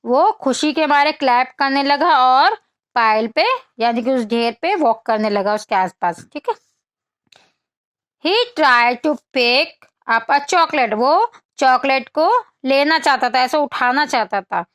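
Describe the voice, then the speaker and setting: Explaining English phrases in Hindi, a woman teacher turns a children's story into a lesson, posing questions and answering them. Her high-pitched voice is animated, and she reads English lines very slowly and deliberately. The sound is clean studio audio with no echo.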